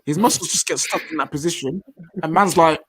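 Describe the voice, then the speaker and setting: A man's voice: a little high, fairly quick, a bit bright, husky, poor audio. A man with a London roadman accent hosting casual football banter in a jokey, slangy way. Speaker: host of a football fan show.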